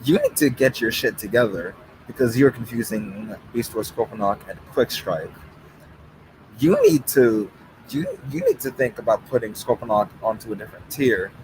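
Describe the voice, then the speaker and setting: A man's voice: medium pitch, noisy background. A man chatting casually on a live stream, reading out chat and arguing back with profanity and laughter. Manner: reads out chat, argues, swears, laughs.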